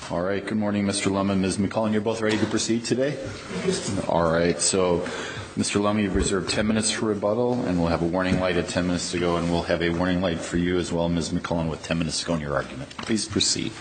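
A man's voice: sits low, fairly even intonation, fast. A man speaking as presiding judge, giving procedural instructions in court. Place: indoor courtroom. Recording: noisy courtroom recording.

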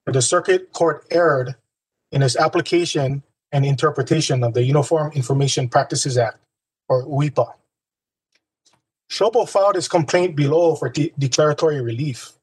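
A man's voice: fairly high pitch, darkish tone, breathy edge, dry recording, poor audio. A man making a formal oral legal argument as an attorney.

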